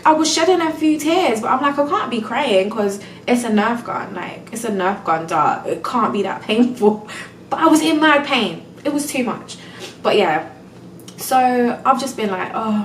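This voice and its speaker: A woman's voice: fairly high pitch, expressive, normal speed, echoey room, far from the mic, a little hiss or hum, rough recording. A young woman venting in a casual storytime vlog, exasperated and close to tears, full of "like" and "do you know what I mean". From England. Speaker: vlogger.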